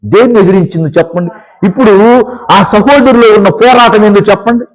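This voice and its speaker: A man's voice: high-pitched, quick pace, poor audio. A man preaching a sermon, asking the congregation questions, repeating phrases for emphasis and urging them to praise aloud. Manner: urges the audience to praise aloud. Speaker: pastor.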